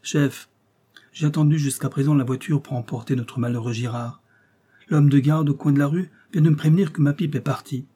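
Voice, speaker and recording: Man doing an earnest cop reporting to the boss, dark husky voice. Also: fairly high pitch, steady tone, a little fast. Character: dutiful male police agent.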